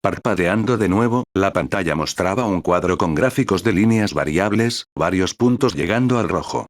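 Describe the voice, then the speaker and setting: A man reading a fan-fiction story aloud as narrator in steady storytelling narration. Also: deep voice, moderate pace, no room sound.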